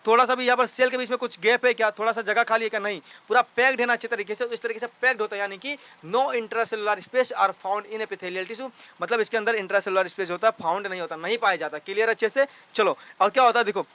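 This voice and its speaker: A man's voice: high voice, bright, forceful tone, clean tone. A young man teaching biology from a diagram, often checking if students have understood. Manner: keeps asking if students understand. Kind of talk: classroom lecture over a drawn diagram.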